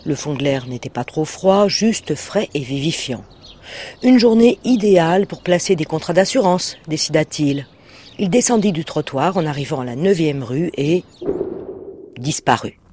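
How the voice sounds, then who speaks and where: A man reading a short story aloud as narrator, measured and expressive. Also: a little high, a little hiss or hum. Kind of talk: audiobook reading.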